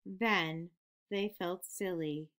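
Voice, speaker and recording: A woman hosting a children's program, reading a picture book aloud in an expressive storytelling manner. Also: fairly low pitch, drawn-out words.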